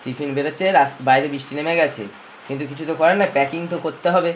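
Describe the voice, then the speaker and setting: A man's voice: on the high side, steady tone, racing, a little hiss or hum. A man at home, chatting in a playful, teasing way as he helps his wife pack. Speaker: vlogger's husband. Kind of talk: casual home chat.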